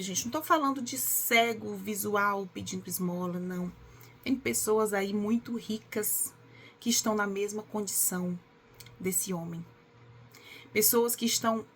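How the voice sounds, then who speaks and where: A woman's voice: medium pitch, a bit bright, a little hiss or hum. A woman who reads and reflects on a Bible passage in a chatty, devotional way and often asks for agreement. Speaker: Bible teacher.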